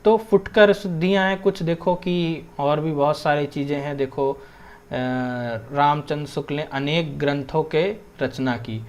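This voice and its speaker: A man's voice: on the high side, fairly even intonation, a little slow. A young man explaining Hindi grammar in a casual lesson, often checking in with his listeners and mixing in English words. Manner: conversational, keeps checking in with "theek hai". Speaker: exam prep teacher.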